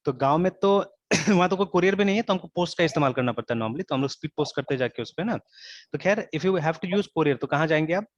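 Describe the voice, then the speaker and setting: A man's voice: on the high side, expressive, quick pace, no echo. A man teaching an informal programming class, mixing English into his speech and checking in constantly with "theek hai". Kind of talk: informal online coding class. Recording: dull, dry lo-fi recording.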